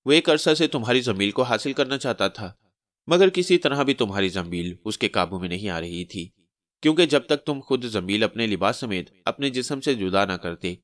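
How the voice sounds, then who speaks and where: Ghostly shadow princess, voiced by a man, solemn, sighing, low-pitched, dry. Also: a bit bright, dry recording, natural voice.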